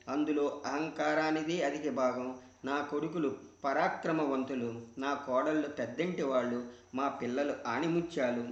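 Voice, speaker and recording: A man reading a scriptural story aloud in a measured, devotional way, in a roomy, dull recording. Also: fairly high pitch.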